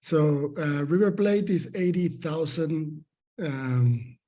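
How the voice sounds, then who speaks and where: A man's voice: on the high side, expressive, slow pace, mellow. A man from Argentina with an Argentine Spanish accent, a company founder answering interview questions thoughtfully, with many fillers and restarts.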